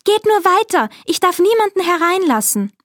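A woman's voice: very high voice, very animated, normal speed, dry recording, studio quality, pitched above the performer's own voice. A woman voicing an innocent young girl who sounds timid and pleading in a fairy tale. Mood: anxious.

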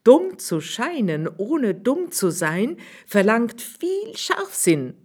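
A woman's voice: high-pitched, big pitch swings, slow pace, pitched above the performer's own voice, exaggerated voice. A woman reading a storybook aloud, voicing a clever male swineherd who explains his plan eagerly.

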